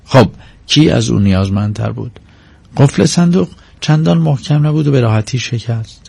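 A man reads a novel aloud in a steady, measured narrating voice. His pitch sits in an ordinary middle range, and the close microphone leaves no trace of room around him. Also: gravelly, husky, no room sound. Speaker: audiobook narrator. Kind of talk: scripted narration.

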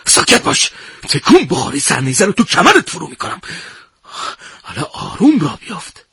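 A male reader putting on a resolute young commander in a war story, who talks low and even to his men. His voice is husky, and the recording is close and dry. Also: no room sound, full character voice. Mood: threatening.

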